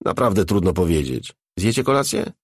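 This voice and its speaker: A man's voice: low-pitched, very animated, fairly quick, breathy edge, dry recording, clean studio sound, heavily acted. A man voicing a fussy male household manager who answers evasively and gossips.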